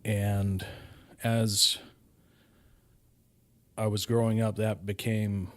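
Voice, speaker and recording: A middle-aged man from Hawaii, a podcast guest telling his life story with many pauses and fillers. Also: fairly low pitch, flat delivery, dry recording. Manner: hesitant, many ums and uhs, laughs often. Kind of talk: casual storytelling.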